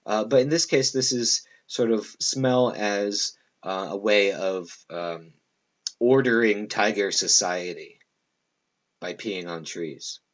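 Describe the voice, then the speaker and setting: A man lecturing a class in a relaxed, rambling way, stopping for fillers and quick asides to the room. His voice sits a little low. The recording is dull and lo-fi. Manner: loose, conversational, many fillers and asides to students.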